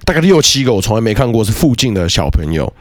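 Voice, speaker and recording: A man tells a story from his childhood in a casual podcast chat. His delivery is quick and animated, and his pitch rises and falls widely. He often repeats words and restarts his sentences.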